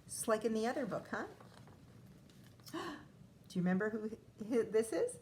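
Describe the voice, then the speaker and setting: Her pitch runs on the high side, with lively intonation, a moderate pace and a slightly mellow quality, plus a little hiss or hum. She's a first-grade teacher reading a picture book to young children, lingering expressively on lines and adding chatty asides.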